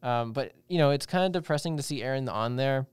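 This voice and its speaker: A man's voice: mid-range voice, expressive, fast, clean tone, no echo. A young man co-hosting a casual podcast chat, rambling and often restarting his sentences. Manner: rambling, self-interrupting, restarts. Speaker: podcast co-host.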